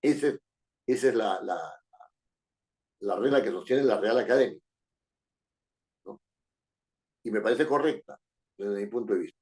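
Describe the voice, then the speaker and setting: A man's voice: fairly low pitch, measured pace, pauses often, darkish tone. Spanish-speaking man lecturing, Peruvian accent. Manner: frequent "¿no es cierto?" tags, rhetorical questions, repeats phrases. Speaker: teacher. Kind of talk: lecturing a class.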